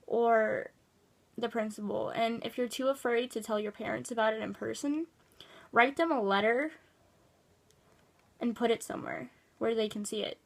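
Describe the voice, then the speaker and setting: Earnest, upset woman vlogger. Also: a little high. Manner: earnest, emphatic and upset, repeating her points. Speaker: vlogger giving advice to a viewer. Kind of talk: casual advice vlog.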